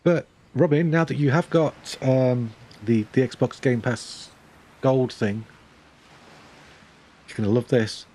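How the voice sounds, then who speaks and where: A man's voice: mid-range voice, fairly even intonation, slow pace, pauses often, dark tone. An older man chatting casually on a game stream, rambling with dry, self-mocking humor. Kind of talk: casual live-stream chat.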